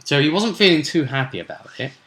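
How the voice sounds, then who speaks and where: With a fairly high, expressive voice and a sharp tone, a British-accented game master talks fast through a casual vlog recapping his sessions. He tends to ramble colloquially, stopping and starting as he goes.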